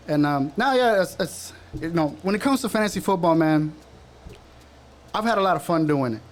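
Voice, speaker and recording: A man's voice: on the high side, expressive, moderate pace. A man from El Salvador in his thirties co-hosting a casual sports podcast, chatty and teasing. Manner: laid-back, chatty, teasing. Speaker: podcast co-host.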